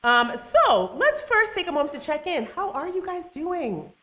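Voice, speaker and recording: A woman's voice: very high voice, very animated, normal speed, a bit bright. A woman hosting a live talk show on a small stage, chatting playfully and teasing the audience. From United States, family from Trinidad and Tobago.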